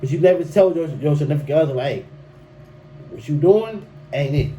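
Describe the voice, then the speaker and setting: A slightly high, warm, animated voice moving a little fast: a young podcast host riffing solo on relationship advice. He restarts constantly, repeats points for emphasis, and throws in slang like "bruh," all on a rough recording with faint background noise.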